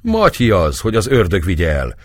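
Hearty teasing young officer, read by a man, low and lively. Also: no echo, studio quality, exaggerated voice. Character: jovial young lieutenant, teasing.

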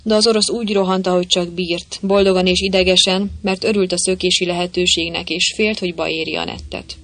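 A narrator reading a novel aloud in a lively storytelling manner. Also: mid-range voice. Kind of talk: audiobook narration.

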